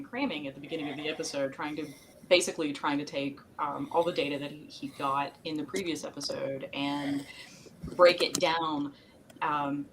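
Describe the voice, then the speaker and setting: Woman, low-pitched voice, chatty meandering podcast recap, faint background hiss. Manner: chatty, meandering, frequent laughs and fillers. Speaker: podcast co-host. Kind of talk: casual chat recapping a TV episode.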